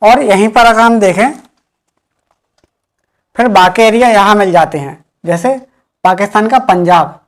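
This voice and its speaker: Female history teacher, mid-pitched, drills each point with repeated questions. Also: measured pace, pauses often. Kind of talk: exam-prep history lecture.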